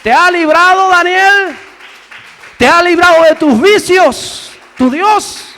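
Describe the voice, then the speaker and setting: A preacher bursting into a desperate ancient king, his voice leaping high and loud as he shouts question after question. The cries ring out with the long echo of a big church hall. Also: slow pace, a faint crowd, slight background noise, exaggerated voice. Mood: anguished, pleading. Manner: shouting, pleading repeated questions.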